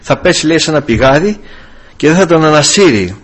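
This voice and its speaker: A male preacher with a somewhat high, husky voice tells his listeners about his own healing. He keeps calling them brothers and pushes his voice up in emphatic, fervent stretches. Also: big pitch swings. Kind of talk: sermon with personal testimony.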